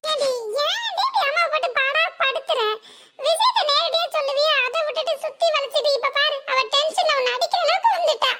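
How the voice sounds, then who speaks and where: A woman voicing a sharp-tongued young sister in a cartoon serial, who snaps at her sibling and scolds her with insults. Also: extremely high pitch, brisk, heavy background noise. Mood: exasperated.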